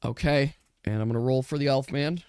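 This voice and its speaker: A man's voice: mid-range voice, brisk, darkish tone, smooth, no echo, clean studio sound. A man narrating a tabletop game as game master, moving between dramatic storytelling and casual asides.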